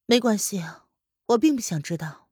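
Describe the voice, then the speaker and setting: A woman's voice: medium pitch, expressive, moderate pace, warm tone, breathy edge, no room sound, clean studio sound, voice pushed up. A woman voicing a proud young consort who answers curtly and coolly. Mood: cold. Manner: curt, cool.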